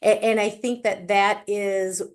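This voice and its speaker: A woman's voice: mid-range voice, level tone, measured pace. A woman from Wisconsin with a Wisconsin accent, speaking as a panelist on a video call in a chatty, self-deprecating way with many fillers. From Wisconsin, USA. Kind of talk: casual panel remarks over a video call.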